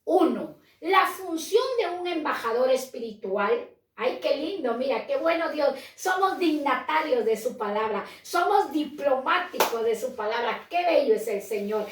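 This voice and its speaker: A woman's voice: high voice, lively intonation, a little slow, reverberant, far from the mic. A Peruvian woman with a Peruvian Spanish accent preaching a sermon, posing questions and answering them herself in an emphatic way. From Peru. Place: in Spain.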